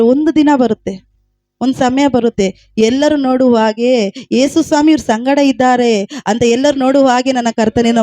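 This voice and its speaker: A woman's voice: sits high, warm tone, no room sound. A woman preaching a fervent sermon and leading prayer, repeating lines and calling out hallelujah often. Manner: repetitive, fervent, many hallelujahs.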